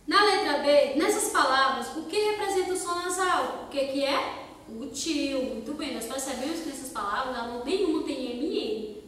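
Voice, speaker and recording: A Brazilian woman teaching a children's class, asking rhetorical questions and sounding out words slowly, syllable by syllable. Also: high voice, fairly bright tone, a little hiss or hum. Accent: Brazilian Portuguese. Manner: slow, sing-song word-by-word syllable demonstrations; asks pupils rhetorical questions. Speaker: primary school teacher. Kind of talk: recorded remote class lesson. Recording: echoey hall-like room, voice from a distance.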